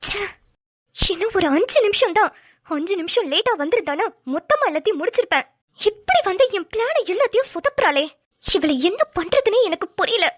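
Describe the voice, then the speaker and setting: A young wife in a cartoon who coats her plotting in honeyed talk, voiced by a woman. The voice is very high and bright. It is dry and close. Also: lively intonation, brisk, no room sound. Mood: scheming. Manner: honeyed to others, muttering plots to herself. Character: scheming young wife, sweet-talking but sly.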